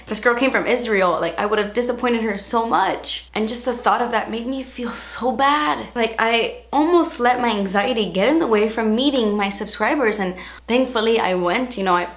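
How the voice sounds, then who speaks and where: A young woman talks casually to her viewers in an emotional, rambling way, filling her sentences with "like". Her voice sits at a middling pitch. The room around her is roomy and echoey. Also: fairly bright tone. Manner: chatty and emotional, heavy use of "like". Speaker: beauty vlogger. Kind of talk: casual chat to camera. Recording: roomy echo.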